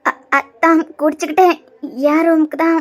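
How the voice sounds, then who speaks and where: Woman doing a high tearful cartoon girl. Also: level tone, moderate pace. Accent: Kanyakumari Tamil. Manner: tearful pleading. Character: weepy wronged young woman.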